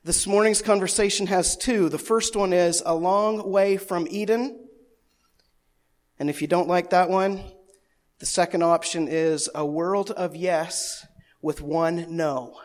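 A man preaching a sermon as pastor at a church service. He moves from a soft, hushed prayer to lively, emphatic preaching with playful asides and jokes at his own expense. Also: high voice, measured pace. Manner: playful asides and self-teasing humor.

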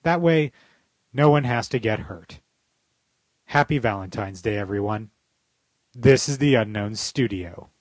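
This podcast co-host has a lowish voice, talks a little slowly and leaves long pauses. His manner is dry-witted, sardonic and emphatic, across both a scripted opinion monologue and casual chat.

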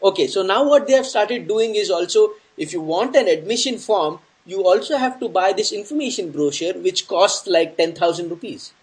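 A man's voice: sits high, moderate pace, hardly any pauses, poor audio. A man with an Indian accent hosts a casual news discussion, explaining informally and jokily while slipping between English and Hindi. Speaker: host of an online news discussion show.

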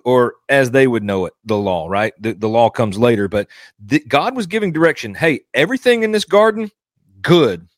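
A man's voice: medium pitch, dry recording. Guy on his podcast arguing back at a preacher clip, explains things over and over, dry close sound. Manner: critical, explanatory, repeats points. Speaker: podcast host critiquing a sermon. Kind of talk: commentary on a played clip.

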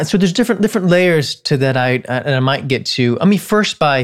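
A man in his thirties, a songwriter and composition teacher, talking through ideas thoughtfully, with frequent restarts, now and then singing a short line to make a point. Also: medium pitch. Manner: thoughtful, many restarts, sings short melodic lines to illustrate. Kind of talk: casual explanatory talk.

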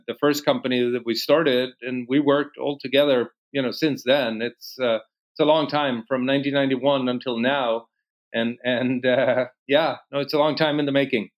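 A man in his fifties from Sweden, answering interview questions in a relaxed way with many pauses. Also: mid-range voice, low-quality recording. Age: 50s. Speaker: guest.

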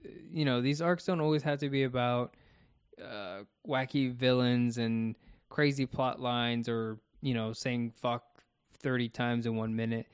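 A man's voice: mid-range voice, steady tone, a little slow, clean tone, dry recording, studio quality. A man co-hosting a casual podcast, talking through his thoughts about a TV episode one step at a time. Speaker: podcast co-host.

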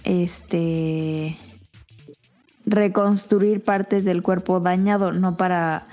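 A woman, co-hosting a podcast and telling a chatty, animated anecdote in a casual way. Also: on the low side, very slow, faint music behind. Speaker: podcast co-host. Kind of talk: casual storytelling chat.

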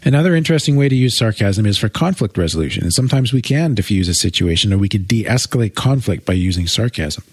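A man co-hosting a podcast, explaining things in a thoughtful, measured way with long winding sentences. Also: fairly low pitch, expressive, slightly rough, no echo, clean studio sound. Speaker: co-host. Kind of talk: casual explanatory chat.

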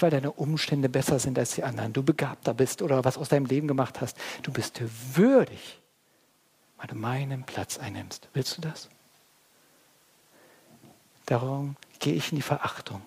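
His sermon shifts between soft, hushed moments and loud, excited ones as the pastor speaks directly to his congregation. The voice is medium-pitched and slightly rough, at a moderate pace.

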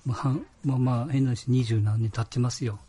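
A man's voice: medium pitch, fairly even intonation, fast, mellow, slight background noise. A man in a casual podcast chat, reflecting hesitantly on his own views. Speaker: podcast panelist.

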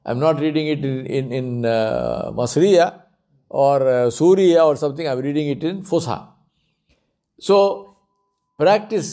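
A man's voice: on the high side, warm tone. A man giving a religious talk at an Islamic centre, repeating key phrases for emphasis with frequent fillers.

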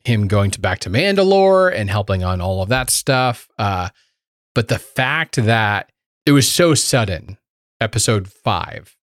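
Speaking at a measured pace in a lowish voice, a man co-hosting a podcast excitedly talks about a TV series. He acts out his reactions as he retells it in a lively way, and the studio sound is clean with no room noise.

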